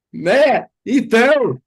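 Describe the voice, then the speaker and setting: A man's voice: very high-pitched, breathy edge. A man hosting a study group, explaining in a casual teaching talk and livening it up with playful imitations. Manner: animated storytelling with playful imitations.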